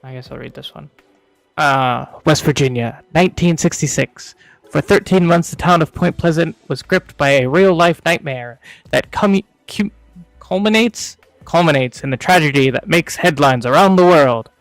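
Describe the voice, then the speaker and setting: A man's voice: fairly high pitch, normal speed, no room sound, soft background music. A man co-hosting a casual book review show, chatty, laughing often and tripping over hard words. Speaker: podcast co-host.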